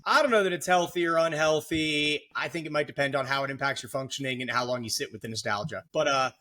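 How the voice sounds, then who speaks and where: A man's voice: medium pitch, fast talker, sharp tone. A middle-aged man hosting a podcast, explaining psychology in a casual, joking way with lots of fillers. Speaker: podcast host, therapist.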